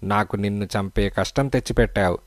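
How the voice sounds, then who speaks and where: A man's voice: lowish voice, a little fast, dry recording, studio quality, natural voice. A man reading the part of an angry, menacing male killer in an audiobook, speaking threateningly.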